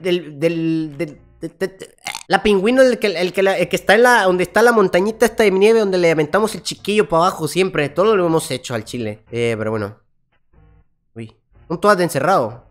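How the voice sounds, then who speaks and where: A man with a Mexican accent commenting on a horror game as he plays, jumpy and full of slang, who yells and laughs when something startles him. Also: high voice. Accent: Mexican Spanish. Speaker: gaming YouTuber.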